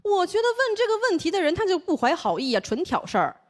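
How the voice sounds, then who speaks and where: A young woman from Taiwan who speaks with a Beijing accent, doing an animated stand-up comedy set on a stage and slipping into other people's voices. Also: very high-pitched, fast. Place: comedy stage before a live audience.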